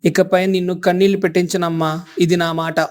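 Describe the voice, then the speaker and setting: A woman's voice: on the low side, flat delivery, fairly quick, a little mellow, lightly acted. A woman voicing a young son who has given up drinking, talking in an earnest, reassuring way.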